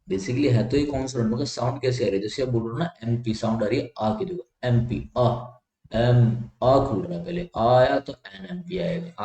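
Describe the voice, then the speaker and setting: A man explains grammar to exam students in a warm, relaxed voice that sits at a middling pitch. He repeats each point and sounds out vowels one by one, often stopping to ask whether they follow. The room around him rings with an echo. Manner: repetitive, checks understanding with "theek hai", drills sounds aloud. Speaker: English grammar teacher. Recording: echoey room.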